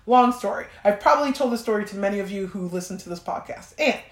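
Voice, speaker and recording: Profane, animated woman telling stories in a roomy space. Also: mid-range voice, fast. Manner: profane, animated, quoting herself and others. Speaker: podcast host. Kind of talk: casual storytelling. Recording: roomy echo.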